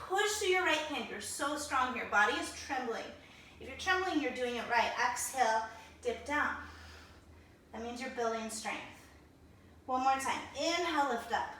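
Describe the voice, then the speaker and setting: A woman yoga instructor guiding a class at home, calmly cueing breaths and poses with encouragement. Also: high voice, a little hiss or hum. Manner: calm, encouraging breath counting. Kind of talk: guided yoga class cues. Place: home room, traffic outside. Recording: echoey room, mic far off.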